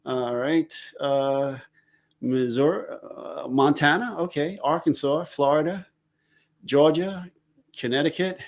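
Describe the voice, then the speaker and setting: A man on a live stream, cracking jokes as he reads out where viewers are from. His voice sits a little higher than most men's. He keeps it loose and casual. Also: slow pace. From New York. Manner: jokey, riffs on place names. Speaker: forensics guest.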